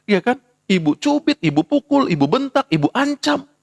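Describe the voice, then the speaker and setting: A man preaching a morning sermon on a live stream, talking in a lively way and acting out what mothers and children say. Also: very high-pitched, normal speed, gravelly, no room sound, studio quality. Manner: animated preaching, acts out quoted mothers and children. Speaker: pastor. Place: live social media broadcast.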